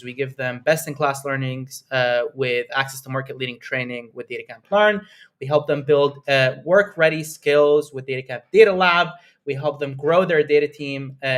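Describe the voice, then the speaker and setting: Hosting a live webinar, a young man from Lebanon presents enthusiastically and conversationally, often using fillers and tagging sentences with "right?" His voice is mid-range and fairly bright.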